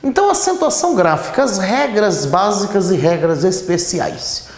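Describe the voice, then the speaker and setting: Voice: mid-range voice, expressive, moderate pace. A teacher explaining grammar at a whiteboard, often checking in with "né?" and drawing words out while writing. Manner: explanatory, frequent "né?" tag questions, stretches words when writing. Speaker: Portuguese teacher. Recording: echoey room.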